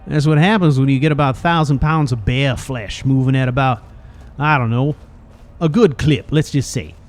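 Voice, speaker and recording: A man's voice: mid-range voice, normal speed, close to an everyday voice. A man voicing a cheeky, chatty old rusty robot in a game, with a folksy drawl and teasing manner. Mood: boastful, amused. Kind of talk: video game character dialogue.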